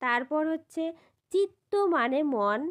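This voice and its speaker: A woman teacher explaining a grammar lesson step by step. She spells out syllables slowly and keeps asking whether her students follow. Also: high-pitched, animated, a bit bright, clear, resonant tone. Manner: repeats a checking question at the end of each point.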